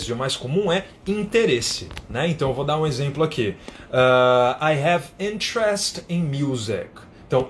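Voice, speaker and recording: A man's voice: a little high, slight background noise. A man teaching English on a live stream, explaining patiently and reading out viewer comments as he goes. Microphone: phone.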